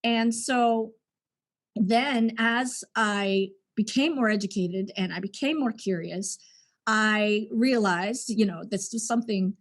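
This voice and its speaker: A Canadian woman telling her own story as a podcast guest, speaking frankly and reflectively. Her voice sits at a typical middle pitch. She lets an easy laugh through from time to time. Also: takes it slowly. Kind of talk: candid personal storytelling.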